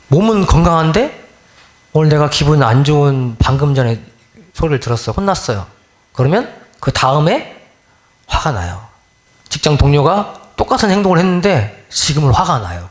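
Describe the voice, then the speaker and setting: A man's voice: fairly high pitch, big pitch swings, normal speed. A middle-aged man giving a conversational dharma talk as a minister, often questioning his listeners and acting out everyday grumbles. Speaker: Won-Buddhist minister.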